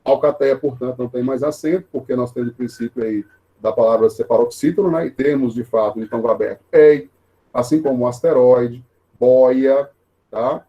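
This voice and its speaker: Male teacher, mellow husky tone, walks students through rules patiently. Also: mid-range voice, dull audio. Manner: explanatory, many tag questions, repeats himself; says he talks fast. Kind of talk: online lesson on grammar.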